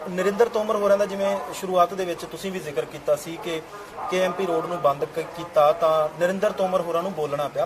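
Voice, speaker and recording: A man hosting a TV interview show, presenting in a measured way with small hesitations. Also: high-pitched, rough recording. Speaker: TV talk show host.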